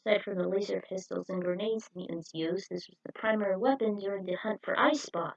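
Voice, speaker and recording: An amateur podfic narrator reads an adventure story from a script in a lo-fi home recording. She talks fast with vocal fry at medium pitch, and the sound is dry.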